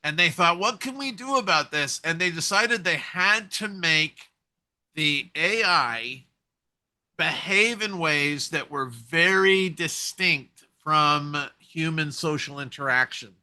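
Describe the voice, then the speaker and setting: A man talking in a casual conversation, musing and telling stories with animated energy. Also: fairly high pitch, slow. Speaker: co-host.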